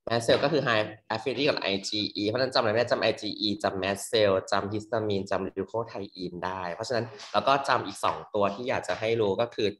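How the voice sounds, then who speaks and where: A young man tutoring medical students in a loose, quick exam review full of fillers. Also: on the low side, a bit bright. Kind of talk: casual exam review lecture. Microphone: computer mic on a screen recording.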